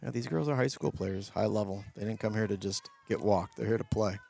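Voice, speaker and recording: A man's voice: lowish voice, brisk, gravelly, darkish tone. A man with a nasal voice giving chatty, opinionated color commentary on a game. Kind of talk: sports commentary.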